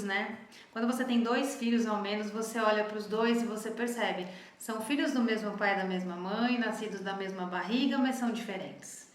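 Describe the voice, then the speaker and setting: A woman, a therapist giving a calm, reflective teaching talk, often checking in with "né?". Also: mid-range voice. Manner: calm, explanatory, often adds "né?". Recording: echoey room.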